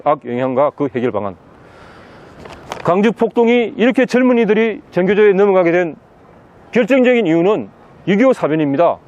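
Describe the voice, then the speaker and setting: Outdoors in a city, a man with a rather high, slightly mellow voice gives an impassioned interview as a political commentator. He is insistent, pressing his points by hammering the same key words again and again.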